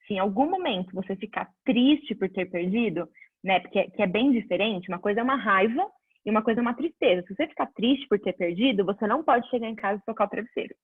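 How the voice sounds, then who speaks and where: A woman's voice: medium pitch, fast talker, slightly rough, no echo. Woman teaching over a tinny line. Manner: conversational, answers viewer questions, lively examples. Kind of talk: casual online class. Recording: dry phone-like audio.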